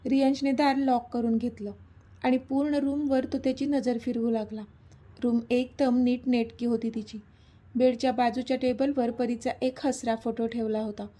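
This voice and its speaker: A woman narrating a serialized romance story in a steady, gentle reading manner. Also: on the high side, normal speed.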